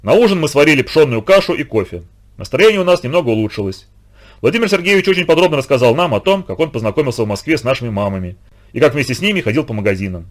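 A man narrating a children's story in an expressive, vivid way. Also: medium pitch, racing.

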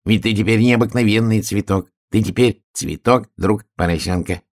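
A man voicing a busy, hard-working female bee who rattles her words off quickly. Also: lowish voice, no echo, clean studio sound, close to an everyday voice. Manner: hurried, rattling speech.

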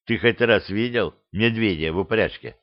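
A man's voice: lowish voice, no room sound, natural voice. A man voicing a bewildered young male adventurer in an audiobook reading, on a dull, dry recording. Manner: bewildered, quick questions.

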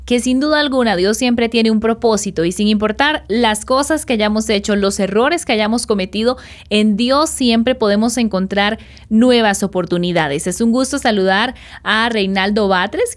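A woman's voice: mid-range voice, moderate pace. Courteous woman interviewer on radio. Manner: courteous, with short affirming replies.

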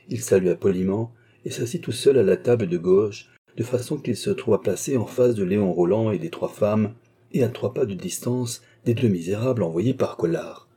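Man narrating an old novel, low husky voice, dark tone. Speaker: audiobook narrator. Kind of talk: reading a classic novel aloud.

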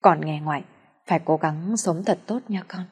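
A woman narrator voicing a gentle elderly grandmother spirit who tenderly consoles her granddaughter in an audio story. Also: low-pitched, normal speed, breathy edge. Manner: soft, tender and pleading.

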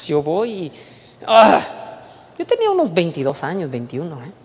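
A man with a Mexican accent preaching a sermon, moving from soft, hushed storytelling to emphatic preaching. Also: fairly high pitch, wildly swooping pitch, moderate pace, slight background noise. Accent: Mexican Spanish. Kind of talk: sermon with personal testimony. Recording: long hall reverb.

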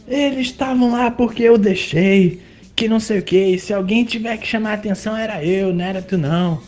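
A man acting out a furious older man who shouts defiantly in a retold story. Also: high-pitched, fairly quick, faint music behind, pitched above the performer's own voice, natural voice. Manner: yelling, defiant.

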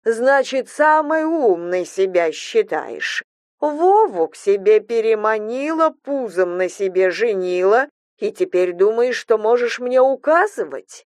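A woman voicing a cruel older mother-in-law who speaks slowly, coldly and with contempt, in a hissing, venomous manner. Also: medium pitch, expressive, dry recording, clean studio sound, natural voice. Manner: slow, cold, hissing and contemptuous.

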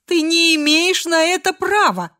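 A woman's voice: very high-pitched, expressive, measured pace, pushed and bright, pitched above the performer's own voice, exaggerated voice. A woman voicing a desperate, fierce young heroine who pleads and cries out. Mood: desperate pleading. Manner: pleading, crying out.

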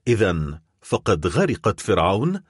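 A man voicing a troubled middle-aged shipowner facing ruin, his voice trembling though he tries to hold it steady. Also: low-pitched, normal speed, breathy edge, dry recording, clean studio sound, heavily acted. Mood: grave.

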